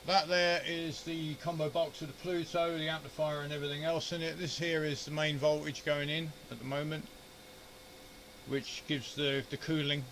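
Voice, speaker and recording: Fairly high and bright, this man's voice holds a level tone at a moderate pace, with a bit of hiss or hum in the background. An amateur radio fan who hosts videos, he works through a hands-on gear demo in his home shack. He mutters and grumbles informally while troubleshooting, unscripted.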